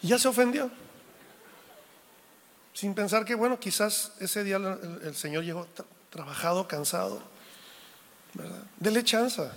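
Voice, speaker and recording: Lively pastor preaching in a hall. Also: male voice, sits high, moderate pace, slight background noise. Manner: jokey, animated preaching with acted-out quotes. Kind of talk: sermon. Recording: reverberant hall.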